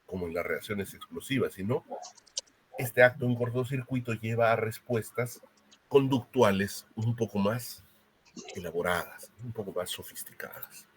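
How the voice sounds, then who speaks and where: A man's voice: fairly low pitch, normal speed, a little hiss or hum. A man giving a university lecture, explaining step by step and often checking in with a tag question.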